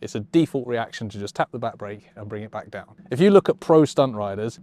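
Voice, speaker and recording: A man's voice: mid-range voice, darkish tone. A man presenting a motorcycle tutorial, explaining in an enthusiastic, encouraging and conversational way. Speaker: motorcycle riding instructor and show presenter.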